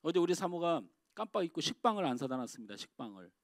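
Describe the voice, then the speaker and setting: Middle-aged male pastor, sermon delivery, slightly high voice, dry close sound, big shifts between emphatic and hushed. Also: sing-song, fast, dry recording. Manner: swings from loud emphatic outbursts to quiet confiding asides. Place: church sanctuary.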